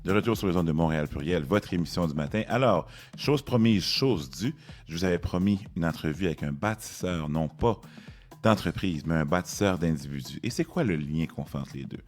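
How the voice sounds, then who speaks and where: Deep-voiced radio host man. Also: expressive, brisk, soft background music. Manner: emphatic, conversational questioning. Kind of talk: radio interview hosting.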